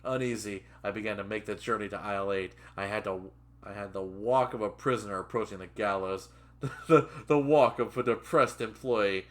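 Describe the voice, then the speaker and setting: A man's voice: lowish voice, normal speed. A man reading a story aloud, mocking the writing with sarcastic asides and swearing. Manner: sarcastic, interrupts the text with jokes and swearing. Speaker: reader and commentator.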